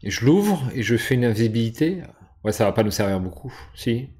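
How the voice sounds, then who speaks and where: A man's voice: medium pitch, big pitch swings, a little fast, a little mellow, husky. Hesitant man explaining a board game. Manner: hesitant, many fillers and restarts. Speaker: board game channel host. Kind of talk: casual gameplay explanation.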